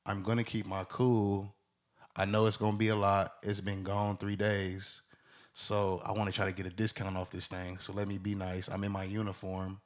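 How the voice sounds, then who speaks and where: A man in his twenties, a podcast co-host, telling a long story in a casual, animated way and acting out the people in it. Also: on the low side, normal speed.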